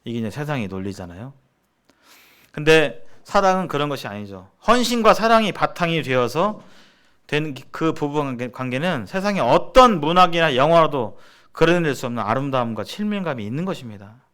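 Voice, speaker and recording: Teaching in a sermon-style church seminar, this middle-aged preacher from South Korea has a slightly high, expressive voice that sounds a bit bright and smooth. He explains things haltingly and keeps rephrasing what he has just said.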